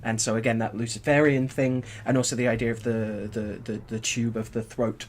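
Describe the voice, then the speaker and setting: A man co-hosting a relaxed, scholarly conversation, speaking in a mid-range voice. He talks in long, wandering sentences, restarts himself often and slips in dry puns. A faint hiss sits under the recording. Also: mid-range voice, brisk. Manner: wordy, digressive, with frequent restarts and dry wordplay. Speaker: podcast co-host. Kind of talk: casual scholarly chat.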